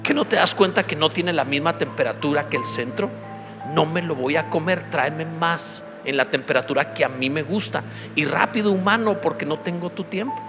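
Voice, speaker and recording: A pastor voicing a haughty house cat that demands food, scornful and bossy. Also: male voice, moderate pace, big-room sound, over music, close to an everyday voice. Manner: scornful, bossy, lower and quieter than his own voice.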